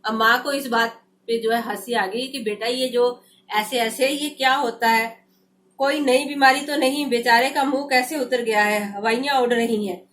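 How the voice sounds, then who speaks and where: A woman's voice: fairly high pitch, steady tone, normal speed, a bit bright, a little hiss or hum. A woman teacher explaining a textbook story, retelling each passage in loose everyday speech with many fillers.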